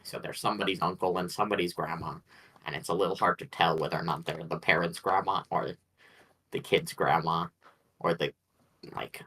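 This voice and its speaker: Very deep-voiced man chatting casually. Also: a bit bright, husky, low-quality recording. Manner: rambling, hedging, thinks aloud. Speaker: podcast co-host. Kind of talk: casual chat.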